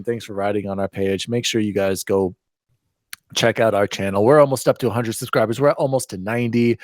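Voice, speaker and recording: A man hosting a casual gaming podcast, excitable and laughing through his shout-outs. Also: on the low side, no echo, clean studio sound. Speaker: podcast host.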